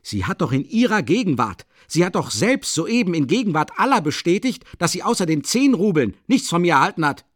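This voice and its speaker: Brief: a male reader playing a pompous, blustering middle-aged gent, lively voice, dry close sound. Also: high voice, fairly quick, hardly any pauses, no room sound, voice pushed up, exaggerated voice. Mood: defensive. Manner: defensive, stammering, blustering. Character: pompous middle-aged man, flustered and defensive.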